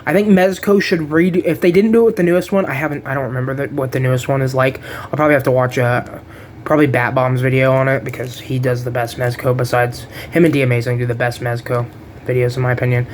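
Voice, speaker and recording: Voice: medium pitch, flat delivery, quick pace, slight background noise. An action figure reviewer talking through an unboxing in a rambling, casual way, losing track of names and swearing offhandedly.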